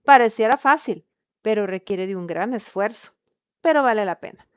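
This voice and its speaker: A woman hosting a podcast, reading a measured and persuasive script. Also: mid-range voice, expressive, smooth, dry recording, studio quality. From Mexico. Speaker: podcast host. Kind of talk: scripted narration.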